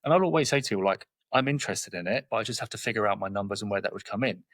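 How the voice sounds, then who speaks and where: Fast-talking southern English man in his forties. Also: fairly low pitch, animated, a bit bright, no room sound. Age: 40s. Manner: straight-talking, tells anecdotes with quoted dialogue. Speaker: guest, property investor. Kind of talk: podcast interview conversation.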